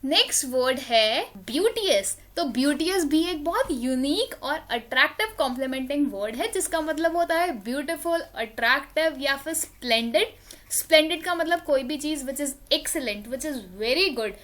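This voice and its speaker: A woman's voice: high-pitched, lively intonation, a bit bright. A woman with an Indian accent teaching English vocabulary, explaining each word step by step and mixing Hindi with English. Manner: explains slowly, switching between Hindi and English. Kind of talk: vocabulary lesson.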